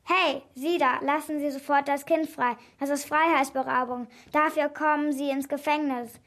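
A woman doing a calm, kindly policeman. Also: high voice, moderate pace. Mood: firm. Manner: calm, reassuring. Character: calm, kindly adult male police officer.

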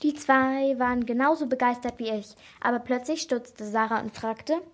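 A woman reading a first-person children's crime story aloud, lively and giving each character a voice. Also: on the high side, normal speed.

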